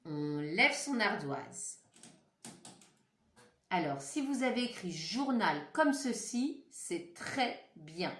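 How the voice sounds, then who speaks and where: A woman teacher slowly dictating words syllable by syllable to young children, encouraging and patient. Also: fairly low pitch, very animated, a bit bright, echoey room. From France. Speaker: primary school teacher.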